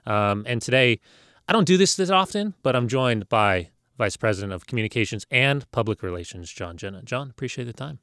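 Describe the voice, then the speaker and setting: A middle-aged man hosts a casual, chatty interview. He talks in a familiar, rambling, anecdotal manner at a medium pitch, with a dry, close sound. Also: animated, a little fast, fairly bright tone, clear, resonant tone, dry recording. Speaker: interview host.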